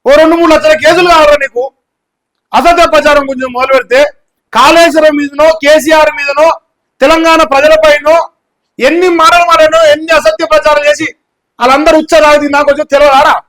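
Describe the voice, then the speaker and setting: A man with a Telangana Telugu accent tears into his opponents in a furious political rant. His voice sits unusually high and strained. He hurls insults in a heated, shouting delivery. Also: little pitch movement, fairly quick, poor audio. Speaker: YouTube news channel journalist.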